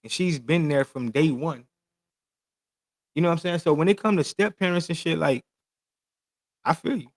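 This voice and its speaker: A man's voice: fairly high pitch, normal speed, long pauses, no echo. A man in his late thirties in casual podcast chat, talking in loose, slangy, emphatic stories. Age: 30s. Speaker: podcast host.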